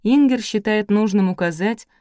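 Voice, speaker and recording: Expressive woman reading a novel aloud. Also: medium pitch, dry recording, studio quality. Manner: expressive, measured storytelling. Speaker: audiobook reader. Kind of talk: literary audiobook narration.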